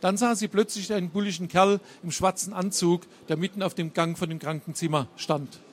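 A man reading and retelling a thriller, halting with many fillers and self-corrections. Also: high-pitched, steady tone. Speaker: storyteller.

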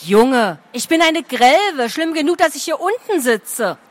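Woman doing a high bossy girl archer, snaps impatiently, storybook voice. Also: big pitch swings, a little slow. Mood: impatient, snapping. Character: sharp-tongued bossy young female archer of a magical folk. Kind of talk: storybook reading.

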